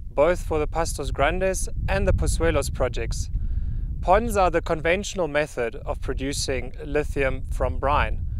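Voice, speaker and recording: A man in his thirties gives a measured, factual on-site briefing to camera outdoors on a salt flat, speaking as a mining company representative on a lapel mic. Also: on the high side, a little hiss or hum. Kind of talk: on-site project presentation to camera. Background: background music.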